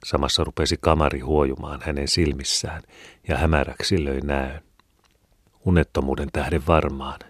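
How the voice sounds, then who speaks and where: A man narrating a classic novel as an audiobook reader, in a calm, measured storytelling manner. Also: extremely low pitch, dry recording, studio quality.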